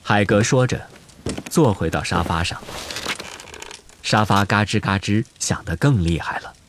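A man reading an audiobook with expressive scripted storytelling narration. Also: on the low side, a little slow, a little hiss or hum.

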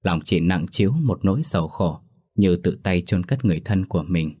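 A man reading a ghost story aloud as narrator in a steady, grave storytelling manner. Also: deep voice, moderate pace, slightly rough.

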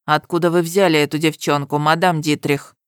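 A woman's voice: sits low, flat delivery, fairly quick, smooth, dry recording, studio quality, lightly acted. Woman voicing a cold stern male commander. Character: stern suspicious young male guard commander. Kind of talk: audiobook character reading.

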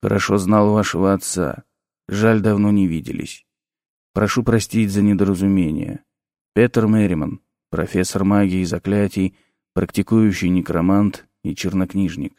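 A gloomy professor-necromancer with a hoarse, hushed growl, as a male audiobook reader puts him on, deep and quiet. He speaks coldly and slowly, with quiet menace in a dry, close recording. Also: steady tone, no echo.

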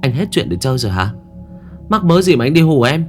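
A man voicing a frightened, indignant young wife, going shrill and stammering when scared. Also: big pitch swings, a little fast, faint music behind. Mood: accusing.

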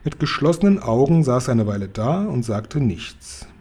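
A man calmly reading a children's book aloud as the narrator. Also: medium pitch, moderate pace, breathy edge.

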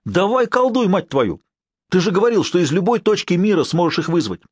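A man voicing a hot-tempered wiry man who yells and swears coarsely in an audiobook. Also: on the high side, a little slow, husky, no room sound, pitched above the performer's own voice. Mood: furious. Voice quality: yelling, coarse.

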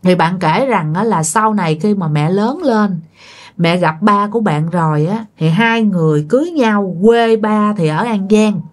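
A woman with a Southern Vietnamese accent telling a ghost story at a middling pitch. She is chatty and talks straight to her listeners. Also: moderate pace. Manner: chatty, addresses listeners directly.

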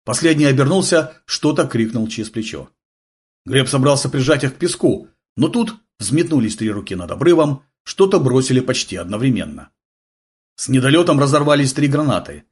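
A man's voice: medium pitch, lively intonation, moderate pace, slightly rough. A man reading an action novel aloud in a vivid, dramatic storytelling manner. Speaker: audiobook narrator. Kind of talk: expressive audiobook narration.

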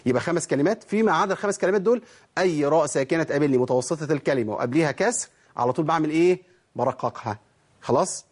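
A man with an Egyptian accent teaching a tajweed lesson, quizzing his listeners with quick rhetorical questions. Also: a little high, breathy edge. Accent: Egyptian Arabic. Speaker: Quran recitation teacher.

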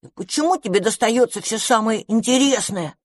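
A woman's voice: fairly high pitch, animated, normal speed, no echo, studio quality, voice pushed up. A woman voicing a young boy mouse who is jealous and fretful, talking in a grumbling way.

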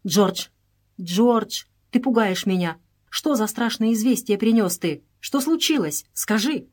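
A woman's voice: medium pitch, expressive, unhurried, a little mellow. A woman reading aloud and voicing a frightened young man who pleads with his brother in a trembling voice. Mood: pleading.

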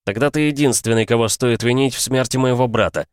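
A man's voice: mid-range voice, a little fast, clear, resonant tone, no room sound, voice pushed up, close to an everyday voice. A defiant young man confronting his father, his voice lifted and urgent, as a narrator puts him on. The sound is dry and close. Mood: accusing. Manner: accusing, raised and intense.

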